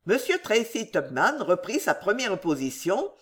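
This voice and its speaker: An audiobook narrator reading a classic novel in a measured, expressive way. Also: mid-range voice.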